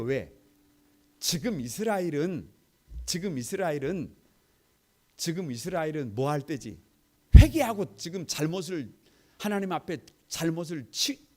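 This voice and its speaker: A middle-aged man preaches in a church Bible class, his voice mellow and warm yet rising high and swinging widely in pitch. He hammers his points home by repeating phrases and firing questions at the congregation, then answering them himself. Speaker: pastor. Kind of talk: sermon, Bible study lecture.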